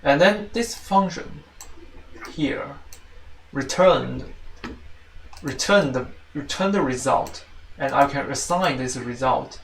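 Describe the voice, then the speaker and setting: A Chinese man acting as a teaching assistant gives an informal spoken tutorial walkthrough, halting and often repeating or rephrasing himself. His mid-range voice has vocal fry, and the roomy, distant-mic recording carries faint noise and clicks.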